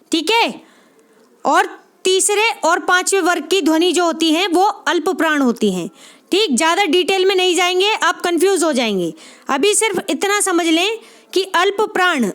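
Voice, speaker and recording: Very high-voiced woman teaching. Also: fairly bright tone. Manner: repeats points, checks with "ठीक है". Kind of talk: exam-prep lecture.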